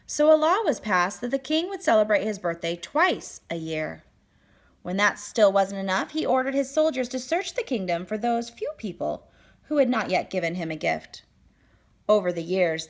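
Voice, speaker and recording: A female storyteller reads a children's picture book aloud in a mid-pitched voice. Her phrasing is deliberate, and she lands key words with expressive, dramatic emphasis.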